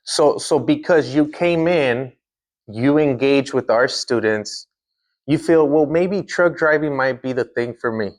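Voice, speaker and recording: A man conducts an interview for a driving school at an ordinary middle pitch. He asks each question several ways, restating it before he lets the guest answer. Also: measured pace. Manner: repeats and rephrases his questions.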